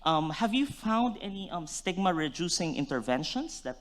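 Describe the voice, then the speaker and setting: A man's voice: high voice, sing-song, normal speed. A man moderating a conference panel, thanking speakers and posing long, polite questions. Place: conference stage.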